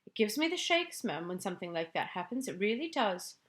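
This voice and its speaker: A timid middle-aged maid, played by a woman reading a storybook aloud. She is deferential and hesitant, and her pitch moves up and down freely. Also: sing-song, fairly quick, a bit bright. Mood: shaken. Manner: respectful, hesitant, repeats "ma'am".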